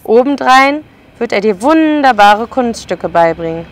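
A woman doing a high, fretful storybook lady. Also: animated, unhurried, no room sound. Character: tender, fretful lady who keeps a pet lion.

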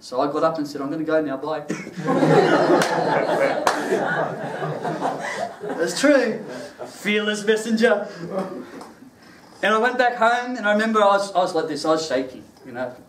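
High-voiced man preaching in an echoey hall. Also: moderate pace, background noise. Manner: animated storytelling, laughs through his stories. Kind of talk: sermon with personal testimony. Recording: echoey room, mic at a distance.

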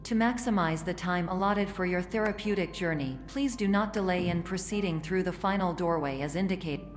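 Calm computer announcer. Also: female voice, fairly low pitch, soft background music. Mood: polite formal. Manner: polite, measured, formal instructions. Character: automated female computer announcer, calm and polite. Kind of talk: game announcement.

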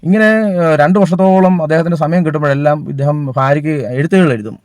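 A man preaches in a high, lifted voice, recorded close and dry with no room sound. He stops often, fills gaps and restarts his sentences as he works through his point. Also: steady tone, a little mellow, no room sound. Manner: halting, many fillers and restarts. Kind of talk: sermon.

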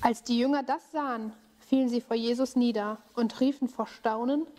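A woman leading a children's church service, reading a story slowly, clearly and expressively. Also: a little high, fairly even intonation, warm tone.

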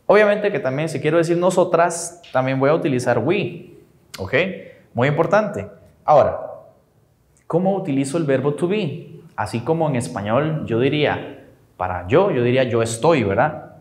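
A young man teaching English in Spanish, drawing out each word slowly for students to repeat. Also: a little high. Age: young adult. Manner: slow, drawn-out model pronunciations for repetition. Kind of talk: Spanish-language English lesson. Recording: echoey room.

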